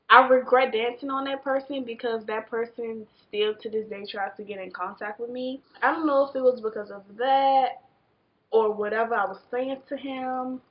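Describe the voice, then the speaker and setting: Woman, twenties, American accent, tipsy rambling, animated exclamations, fairly high pitch, casual vlog chat, slightly muffled bedroom recording. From Washington, D.C., United States. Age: 20s. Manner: tipsy, drunk rambling, losing the thread; animated exclamations and drawn-out words. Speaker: vlogger. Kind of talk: casual storytime chat while doing makeup. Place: small bedroom, indoors. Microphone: camera a short distance away.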